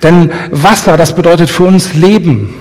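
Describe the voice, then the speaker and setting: A man interprets a guest sermon phrase by phrase. His voice is slightly high, he rephrases fast, and he sometimes hesitates over words. The hall rings with long reverb. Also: darkish tone. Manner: quick rephrasing, some hesitation. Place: church hall.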